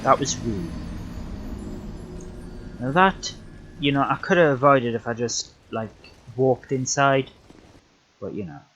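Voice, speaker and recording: A man's voice: medium pitch, takes it slowly, pauses often, a little hiss or hum, low-quality recording. A young man giving casual, rambling commentary on his livestreamed gameplay, correcting himself often with plenty of fillers. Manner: relaxed, rambling, self-correcting with many fillers. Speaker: livestreaming gamer.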